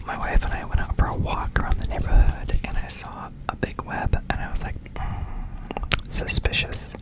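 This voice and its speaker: A man hosting ASMR in a breathy, unvoiced whisper, rambling casually and repeating words in rhythmic runs. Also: fairly quick. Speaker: ASMR video host.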